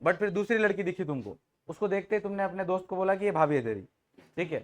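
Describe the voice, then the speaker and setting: A man's voice: high voice, expressive, fast. A man teaching an English grammar class in Hindi, joking with students and often checking if they understood. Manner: jokes with the class, informal and teasing.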